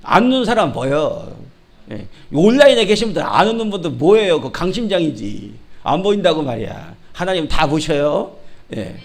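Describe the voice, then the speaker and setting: Animated high-voiced male preacher. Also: moderate pace, creaky. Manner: animated preaching with rhetorical questions to the congregation; mimics regional dialects for humor. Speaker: pastor. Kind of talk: sermon.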